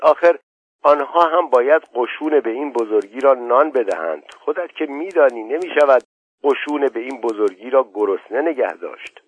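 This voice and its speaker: A man's voice: medium pitch, expressive, breathy edge. A man voicing an older landowner who coaxes and placates his younger brother. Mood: coaxing. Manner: coaxing, persuasive. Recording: dull, dry lo-fi audio.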